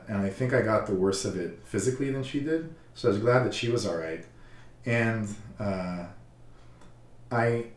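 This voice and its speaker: A man with a fairly low voice tells a personal story calmly and reflectively, often pausing on fillers. He sounds a little set back from the mic in a roomy, echoing space. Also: far from the mic. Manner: calm, reflective, halting with fillers. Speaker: counselor.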